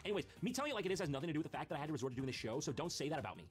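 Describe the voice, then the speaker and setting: Man, 30s, comedic commentary host, sarcastic, rapid-fire, animated pitch. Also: soft background music. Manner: sarcastic, mocking asides. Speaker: host reacting to video clips. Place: studio room with couch and brick wall.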